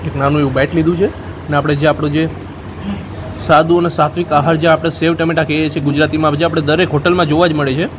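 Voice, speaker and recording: A man's voice: a little high, level tone, fast talker, noisy background. A man in his thirties doing a casual food vlog from a roadside restaurant dining hall, chatty and listing dishes as he tastes them. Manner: chatty, calls viewers brother, lists dishes. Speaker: food vlogger.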